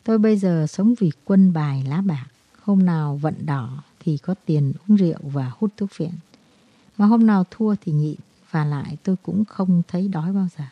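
Storybook figure: broken, guilt-ridden man, halting confessions, read by a woman in a dry, dull take. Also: fairly low pitch, no echo. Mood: despairing.

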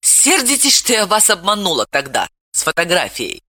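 A woman reading an audiobook, voicing a defiant, provocative young woman who talks loudly and cheekily. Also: fairly low pitch, wildly swooping pitch, moderate pace, no echo, studio quality, heavily acted. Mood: defiant, brash. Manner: loud, exclamatory, cheeky. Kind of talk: audiobook character voice.

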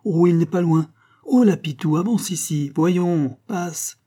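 A man reading an audiobook, voicing a boisterous peasant farmer who talks in booming exclamations. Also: unhurried, warm tone. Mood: hearty.

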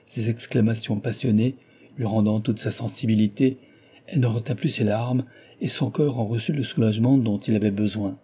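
A man narrating a classic novel aloud in a measured, literary manner. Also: on the low side, warm tone, husky. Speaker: audiobook narrator.

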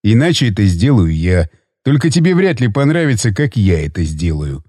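A man's voice: on the low side, big pitch swings, normal speed, mellow, dry recording, studio quality, voice pushed down. A man doing a smug, taunting young surfer. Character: mocking, vengeful young male surfer. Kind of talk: audiobook character reading.

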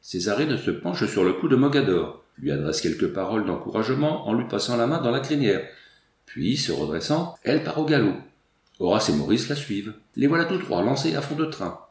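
A man narrating a classic novel as an audiobook, in a measured, expressive reading. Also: fairly low pitch, echoey room. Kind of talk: scripted literary narration.

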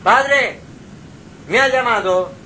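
A man's voice: very high-pitched, slow pace, bright, forceful tone, a little hiss or hum, pitched above the performer's own voice, full character voice, low-quality recording. A man voicing a young man of about twenty, earnestly and humbly answering a voice calling him. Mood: pleading.

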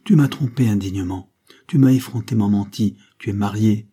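A man reading an audiobook, voicing a furious, imperious Creole woman in a sharp, commanding manner. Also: medium pitch, moderate pace, slightly rough, pitched above the performer's own voice, close to an everyday voice. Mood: accusing.

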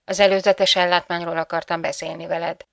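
A woman reading the part of a calm male engineer explaining a plan in an audiobook. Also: fairly high pitch, vocal fry, clear, resonant tone, no echo, low-quality recording. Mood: matter-of-fact.

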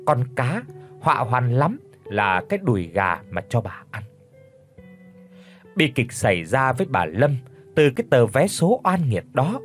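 A man reading a dramatic story aloud as an audiobook narrator, expressive throughout. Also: medium pitch.

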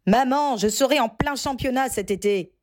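A woman's voice: on the high side, normal speed, darkish tone, voice pushed up, close to an everyday voice. A woman voicing a stubborn young witch who answers curtly and firmly. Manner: curt and firm.

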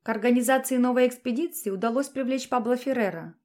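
A woman reading a fantasy romance audiobook in an even, measured narration. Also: fairly high pitch. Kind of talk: scripted narration.

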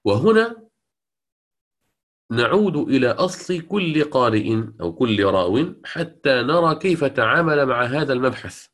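A middle-aged man giving a lecture on Quranic readings. He explains patiently, repeats key words, keeps checking that students follow, and recites the quoted verses slowly. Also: mid-range voice, very animated, fairly bright tone.

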